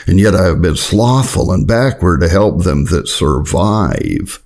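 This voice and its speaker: A man with a low, gravelly, slightly mellow voice reads an old Puritan sermon aloud, a little slowly but with animation. His delivery is solemn, earnest and exhorting, as befits a reader of historical Puritan sermons.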